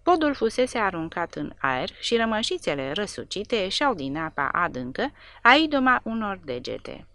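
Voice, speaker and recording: A woman narrating a war novel as an audiobook with an expressive, dramatic reading. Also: medium pitch, no echo.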